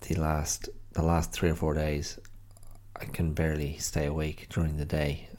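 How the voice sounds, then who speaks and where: His voice is extremely low, monotone and a little mellow, moving at a normal speed. The Irish host of a solo podcast chats casually, tired and slightly stuffy from hay fever, rambling with plenty of self-corrections.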